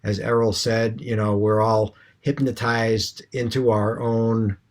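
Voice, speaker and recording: A man's voice: lowish voice, little pitch movement, takes it slowly. A man co-hosting a casual discussion, talking with many hesitant restarts and fillers. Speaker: co-host.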